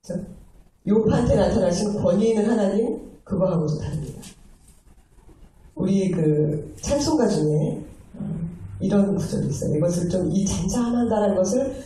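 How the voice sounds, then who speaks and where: Woman preacher, soft dark tone, storytelling sermon, distant mic in a big echoey church. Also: mid-range voice, animated, moderate pace, a little hiss or hum. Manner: storytelling, acting out tender quoted voices. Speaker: junior pastor. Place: large church sanctuary. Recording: echoey hall, voice from far off.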